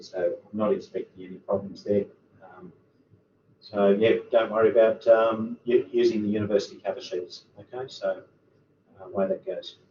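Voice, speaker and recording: A man's voice: fairly low pitch, a little mellow. A man, a university lecturer answering student questions in an online workshop, full of ums and uhs. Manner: halting, many ums and uhs. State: hiccups. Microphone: computer microphone on a video call. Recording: roomy, distant, dull, faint hiss.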